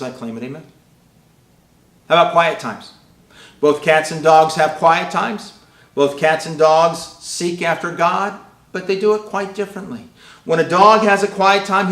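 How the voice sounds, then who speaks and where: A middle-aged man giving a sermon-style keynote, swinging between loud and hushed delivery. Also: on the high side, roomy sound. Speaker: keynote speaker.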